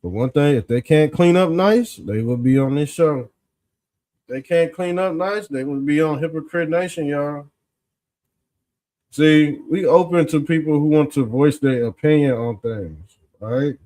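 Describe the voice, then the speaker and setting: A man hosting an informal political commentary show, talking in folksy street style with drawn-out emphasis and a smug, sarcastic exposé manner. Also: a little high, warm tone.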